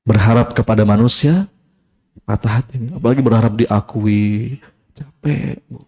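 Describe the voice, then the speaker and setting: A male Islamic preacher giving a sermon to a live congregation, a lively storyteller who talks straight to his listeners. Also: lowish voice, normal speed.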